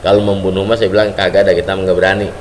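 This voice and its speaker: A man's voice: low-pitched, flat delivery, rapid-fire. A man preaching a humorous sermon, telling stories in casual slang. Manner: joking storyteller, colloquial slang. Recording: reverberant hall, faint background noise.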